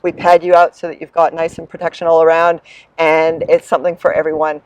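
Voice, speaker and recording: A woman's voice: sits low, flat delivery, brisk, no echo, dull audio. A middle-aged woman from New Zealand, answering interview questions with upbeat, enthusiastic energy about her business. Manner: enthusiastic, upbeat, warm promotional tone. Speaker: land sailing business coordinator, guest.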